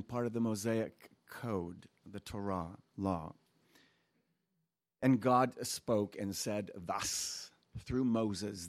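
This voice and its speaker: Raised in Japan, a male guest preacher reads scripture aloud, then wanders into stories from his childhood. His medium-pitched delivery is animated and conversational, full of quick asides and laughs directed at the congregation.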